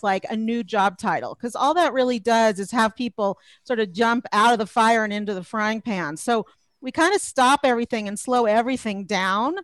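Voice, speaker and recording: A woman's voice: a little high, no room sound. A middle-aged woman from Los Angeles, a career coach guest in a podcast interview, talking in a chatty way and laughing often.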